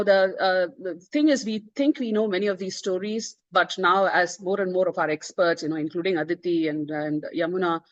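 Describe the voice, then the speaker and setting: In a dry recording, a Tamil-speaking author from India introduces her book during an online presentation, her voice pitched fairly low with a dull quality. She comes across as earnest, frequently using "uh" and "you know" and restarting as she goes.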